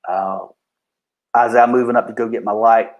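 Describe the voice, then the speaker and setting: A man's voice: on the low side, steady tone, normal speed, dull audio. A man who is a police officer, telling a story in a casual, blunt way full of swearing and restarted sentences. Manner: acts out what people said in raised voices. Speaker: police officer recounting a shooting.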